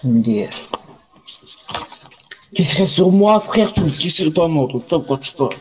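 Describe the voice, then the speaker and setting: A man's voice: on the high side, lively intonation, unhurried, a little mellow, muffled recording. A man streaming a game live, chatting casually, swearing and trash-talking at other players. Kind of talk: casual live gaming chat.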